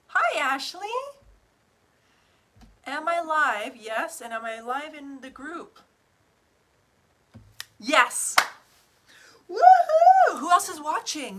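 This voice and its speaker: She has a high, bright, forceful voice, chatting to her livestream audience as an online group host and business coach. Theatrical and effusive, she whoops, uses pet names, swears casually, and tags on "right?" and "okay?".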